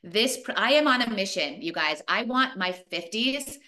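A woman in her forties on a video call, presenting a fitness program to her partners in an energetic, emphatic way and repeating points for stress. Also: mid-range voice, moderate pace. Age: 40s.

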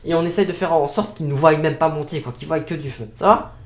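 In an echoey room, a man with a Belgian French accent improvises casual role-play dialogue. His voice is a little high and fast, and he talks in a colloquial, repetitive, chatty way.

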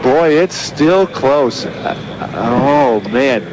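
A man's voice: mid-range voice, very slow, a crowd in the background, poor audio. A man commenting on a kayak race as an expert, explaining strokes and tactics. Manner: analytical, predictive. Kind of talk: sports commentary.

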